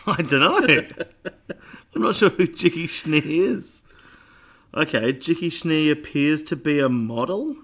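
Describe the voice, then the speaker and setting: A man's voice: a little high, sing-song, measured pace. A man co-hosting a podcast in casual chat, rambling and self-mocking, laughing often. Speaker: podcast co-host.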